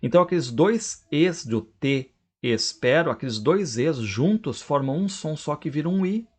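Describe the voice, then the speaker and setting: Professor explaining patiently. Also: male voice, a little high, big pitch swings, darkish tone, slightly rough. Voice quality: slow, drawn-out syllables when reading verse aloud. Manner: explains step by step, tag questions. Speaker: literature professor. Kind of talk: recorded lecture.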